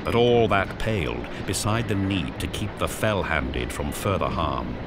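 Unhurried and deep-voiced, a man narrates an audio drama with lively intonation and an intense, solemn, theatrical flair. Heavy noise from loud music and battle effects sits behind him.

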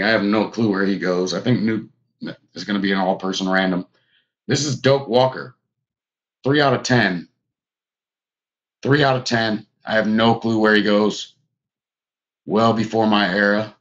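A man's voice: on the low side, a little slow, pauses often, dull audio. A man hosts a live trading card break, chatting casually and talking to viewers by name as he opens packs.

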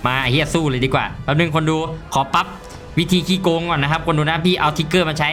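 A young man giving casual, excitable commentary while playing a mobile game, loud and swearing often. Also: a little high, quick pace, soft background music.

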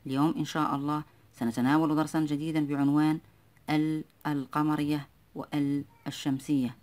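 Flat-voiced male teacher drilling spelling. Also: a little high. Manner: drills words slowly and repeats sounds one by one; formal, patient classroom delivery. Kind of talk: spelling lesson for learners.

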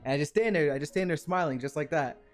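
A man's voice: fairly high pitch, quick pace, soft background music. Young man telling a story animatedly. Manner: animated, acts out scenes, many fillers. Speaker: vlogger. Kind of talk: casual storytelling.

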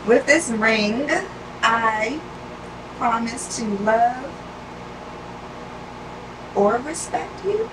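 Excited young woman, high and distant. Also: drawn-out words, pauses often. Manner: excited, gushing, reading notes aloud. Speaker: girlfriend receiving a promise ring. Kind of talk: casual vlog chat. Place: small wooden cabin room, indoors. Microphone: camera mic from across the room. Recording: distant, noisy cabin recording.

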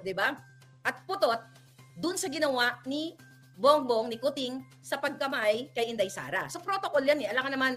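Brief: woman vlog host, bright sharp voice, gossipy mocking commentary, faint music behind. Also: on the high side. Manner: chatty and mocking, with teasing nicknames and frequent laughs.

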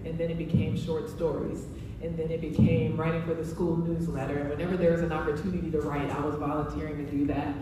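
Woman panelist, hesitant and thoughtful; distant mic, roomy and hissy. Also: sits low. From near New Orleans. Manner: thoughtful, many ums. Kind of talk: panel discussion answer. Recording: echoey room from far off, noisy.

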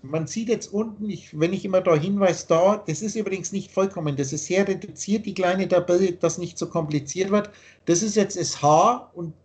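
A man's voice: high voice, normal speed, darkish tone. A man explaining his teaching in a long, earnest monologue, often repeating himself, over a video call. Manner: repetitive, earnest, lecturing.

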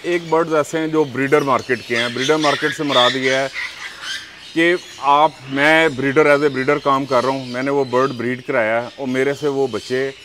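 Calm and thorough, a parrot breeder from Pakistan responds to an interviewer, giving long explanations backed by examples. He speaks at normal speed with a medium pitch against a noisy background.

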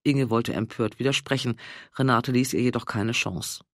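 A man reading a novel aloud as audiobook narrator, in a calm, measured narrating voice. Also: medium pitch, no room sound, studio quality.

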